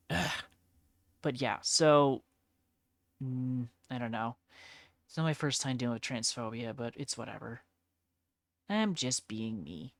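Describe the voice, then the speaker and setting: A woman's voice: rumbling low, dry recording, clean studio sound. Chatty, blunt woman streamer. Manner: chatty, laughs often, blunt and sweary. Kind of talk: casual chat while painting miniatures.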